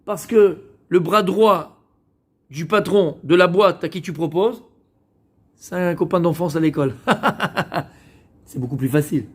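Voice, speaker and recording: Man, high voice, rabbi giving a class, asks questions and answers them himself. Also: a little slow, pauses often, husky. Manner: repeats words while searching for them. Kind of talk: Torah lesson to women.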